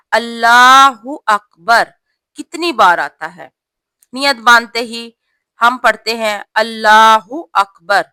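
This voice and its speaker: A woman teaching correct prayer pronunciation to her sisters, explaining each mistake and drawing out the right words slowly. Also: a little high, bright, forceful tone, clear, resonant tone, no echo. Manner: slow, drawn-out demonstration of correct pronunciation. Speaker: religious teacher. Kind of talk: instructional talk on prayer pronunciation.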